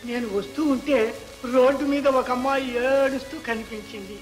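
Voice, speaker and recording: An actor playing a gentle grieving father who softly coaxes a lost girl and consoles his wife, in vintage film dialogue. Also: very high voice, a little fast, soft background music, poor audio. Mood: consoling. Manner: soft, coaxing and consoling.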